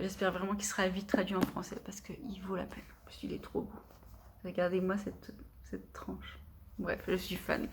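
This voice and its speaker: Chatty young woman vlogging about books. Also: mid-range voice. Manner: chatty and enthusiastic, often dropping to a soft half-whisper. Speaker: book vlogger. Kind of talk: casual chat to camera. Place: at home with her cat.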